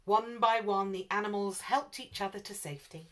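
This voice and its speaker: A woman storyteller reading a children's picture book aloud in an expressive, lively way. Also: medium pitch, moderate pace.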